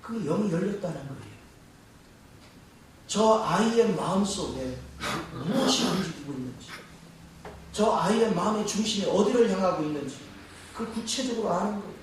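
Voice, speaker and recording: A man's voice: sits high, animated, moderate pace, distant mic, a little hiss or hum. Preaching man in an echoey church. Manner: preaching with rhetorical questions to the congregation. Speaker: pastor. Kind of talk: sermon. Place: church sanctuary. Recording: echoey church hall, mic from afar.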